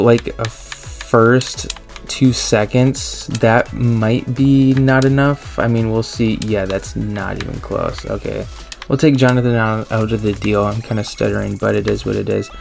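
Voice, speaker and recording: Gravelly man rushing through game commentary. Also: lowish voice, a little mellow. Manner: rushed, thinking aloud with many fillers. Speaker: gaming YouTuber. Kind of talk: casual gameplay commentary.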